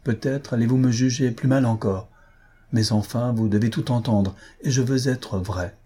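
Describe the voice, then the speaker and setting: An impetuous young gentleman, remorseful and pleading, as an audiobook reader puts him on. His voice is low and husky, and his earnest pleas come in a dark tone. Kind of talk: audiobook reading.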